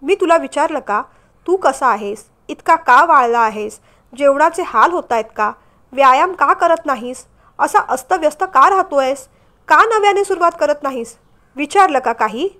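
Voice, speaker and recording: A hurt, unhappy young wife in a storybook reading, voiced by a woman narrator. She speaks in a restrained, subdued way, holding back her pain. The voice is high. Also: lively intonation, moderate pace. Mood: sharp. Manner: subdued, then sharp and defensive.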